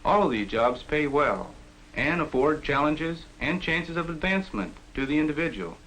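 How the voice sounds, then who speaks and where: An actor playing an earnest shop teacher in a formal, measured 1950s educational film narrator manner. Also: male voice, a little high, animated, a bit bright, slight background noise, low-quality recording. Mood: earnest, instructive. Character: earnest adult male shop teacher advising a student.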